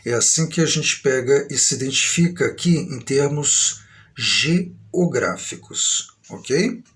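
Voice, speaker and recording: A middle-aged Brazilian man with a São Paulo accent speaks to camera in a mid-range, fairly bright voice with lively intonation. His grandiose, aggrieved monologue rambles along slowly at an uneven pace.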